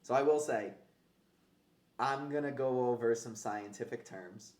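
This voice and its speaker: A man's voice: medium pitch, a little slow, a little mellow. A man hosting a casual fitness podcast, talking conversationally with gym-bro slang and casual swearing. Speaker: podcast host. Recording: roomy, echoey sound.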